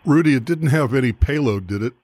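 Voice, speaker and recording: A man's voice: mid-range voice, lively intonation, quick pace, a little mellow, a little hiss or hum. Sex: man. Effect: muffled and distant, as if through a wall. Role: rabbi co-host. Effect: muffled and distant, as if heard through a wall. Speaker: rabbi, co-host on a call-in show. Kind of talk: casual radio chat.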